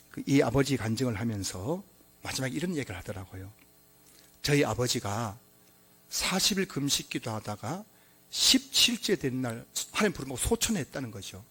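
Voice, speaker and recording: A male pastor preaching a sermon in an emphatic style, swinging between loud exclamations and quiet asides. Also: medium pitch, lively intonation, moderate pace, slightly rough.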